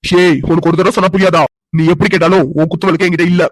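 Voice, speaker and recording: A man plays a brash young cartoon guy who talks fast, with a slightly high voice. He teases and argues, and the sound is dry and close. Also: flat delivery, dry recording, lightly acted, rough recording. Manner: brash and teasing.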